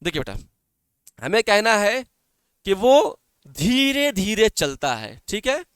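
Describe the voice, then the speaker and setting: A man's voice: high voice, sing-song, slow pace, a bit bright, smooth, dry recording, clean studio sound. A male teacher giving an online class, explaining in Hindi-Urdu, often repeating points and asking his students questions. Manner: calls students "beta". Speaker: English teacher.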